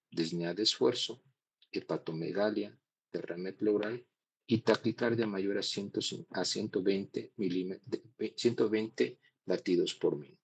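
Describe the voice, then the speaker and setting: Male lecturer, very low husky voice, a classroom talk that drifts off the mic at times. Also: rough recording. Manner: explains step by step, checks in with ¿no? and ¿sí?. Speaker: cardiology lecturer.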